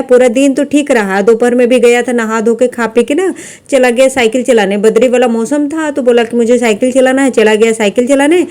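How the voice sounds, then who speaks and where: A woman's voice: fairly high pitch, darkish tone. Chatty woman vlogging at home. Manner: chatty, homely, rambling with fillers. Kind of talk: casual home vlog chat. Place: home kitchen.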